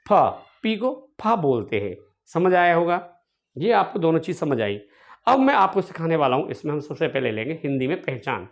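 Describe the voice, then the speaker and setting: A male English teacher giving an online grammar lesson, drilling words by repeating them slowly and addressing viewers fondly. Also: fairly high pitch, very animated, creaky.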